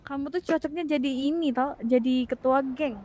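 A woman's voice: high-pitched, moderate pace, warm tone, slight background noise. A woman in a casual game roleplay, teasing and bossing others around.

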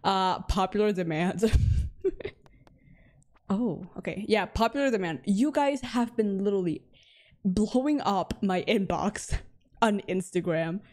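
Bubbly streamer woman, slightly hoarse. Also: medium pitch, lively intonation, measured pace, long pauses, a little mellow. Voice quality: slightly raspy. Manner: bubbly and chatty, with frequent laughs and gasps. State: a bit hoarse from getting sick. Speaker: live streamer. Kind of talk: casual live-stream chat, reading chat aloud.

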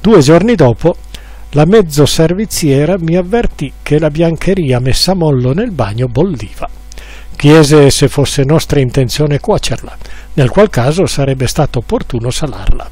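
A man's voice: fairly high pitch, lively intonation, normal speed, warm tone, no room sound, soft background music. A man narrating a humorous literary story with dry irony, now and then acting out the quoted lines.

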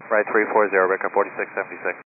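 A man speaking as an airline pilot over a cockpit headset radio, calm and clipped, with hesitant fillers. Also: sits low, rapid-fire. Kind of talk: air traffic radio exchange. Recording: tinny radio transmission with faint hiss.

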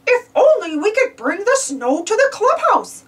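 A woman's voice: extremely high pitch, sing-song, a little slow, distant mic, pitched above the performer's own voice, exaggerated voice. A woman voicing a small, eager, cheerful male cartoon mouse for a children's storybook, upbeat and exclamatory.

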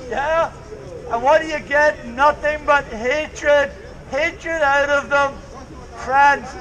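A man's voice: very high voice, fairly bright tone. An older man preaching outdoors in a market square, fervent and repetitive. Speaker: street preacher. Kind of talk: open-air street preaching. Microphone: distant camera, preacher with handheld mic and speaker. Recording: open-air sound from a distance.

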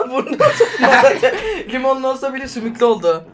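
High-pitched, animated young man. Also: brisk, heavy background noise. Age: young adult. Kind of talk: casual challenge banter. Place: indoors against a dark curtain.

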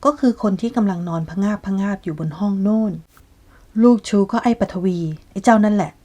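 A woman's voice: mid-range voice, fairly quick, dark tone, natural voice. A woman voicing a spiteful woman hurling scornful accusations in an audio novel.

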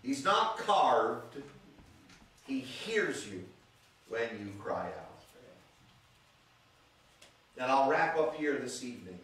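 Slow, bright-voiced preacher in an echoey church. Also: male voice, mid-range voice, very animated. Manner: reads scripture aloud and calls out to the congregation. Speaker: pastor. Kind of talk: sermon. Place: church sanctuary. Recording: echoey church room, voice from a distance.

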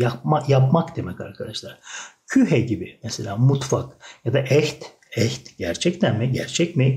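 Man, German teacher, animated intonation, slow careful repetition of words. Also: medium pitch, vocal fry. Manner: explains patiently, repeats each example word slowly, addresses viewers as friends. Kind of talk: online language lesson.

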